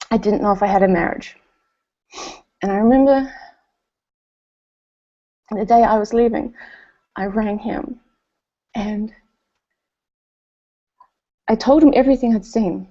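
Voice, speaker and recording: With the high frequencies cut off, a fairly high-pitched woman from New Zealand can be heard giving a motivational company-event speech in her New Zealand accent. She tells stories animatedly, acting out other people's words.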